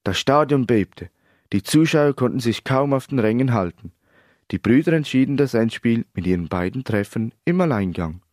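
A man's voice: mid-range voice, expressive, normal speed, darkish tone, dry recording, studio quality. Man reading a story aloud. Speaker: narrator.

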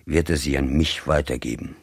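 A cold, commanding gentleman from an old storybook, formal and measured in every word, as a male reader plays him. The voice sits extremely low and husky, with an unhurried pace. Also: steady tone, dry recording, studio quality, exaggerated voice. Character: cold, commanding middle-aged male agent of a rich employer.

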